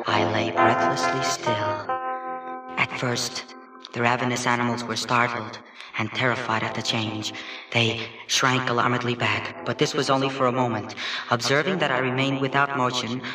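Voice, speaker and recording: A man with a natural, medium-pitched voice reads a gothic horror story, playing a tormented condemned prisoner in mortal terror. His delivery is theatrical, halting and anguished, and the recording is echoey and distant, with loud music behind him.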